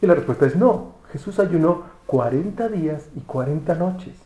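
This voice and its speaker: Preacher with a mellow, echoey voice. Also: male voice, on the high side, lively intonation, moderate pace. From Mexico. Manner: conversational, restarts words, asks rhetorical questions. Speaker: pastor. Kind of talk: sermon.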